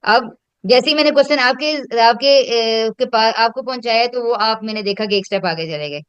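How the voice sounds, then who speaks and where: A woman talks through her teaching approach in a relaxed, conversational way. Her voice sits a little high and sounds dry and close, with almost no room around it. She reflects aloud and drops English terms into her speech. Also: normal speed, smooth, no echo, highs cut off. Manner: reflective, explains with classroom examples, mixes in English terms. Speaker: educator and host. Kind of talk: casual conversational teaching talk.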